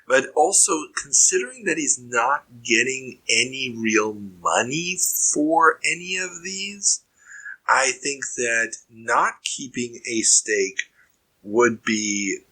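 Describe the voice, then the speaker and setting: Male podcast host, bright forward tone, reads headlines then riffs casually. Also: medium pitch, lively intonation, takes it slowly, poor audio. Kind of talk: reading news items and chatting.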